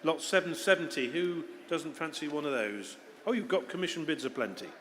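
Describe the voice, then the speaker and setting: A man's voice: a little high, animated, a little fast, a bit bright. A man in his fifties introducing auction lots informally, with conversational asides. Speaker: auction presenter describing lots. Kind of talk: informal live lot description. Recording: echoey hall with long reverb.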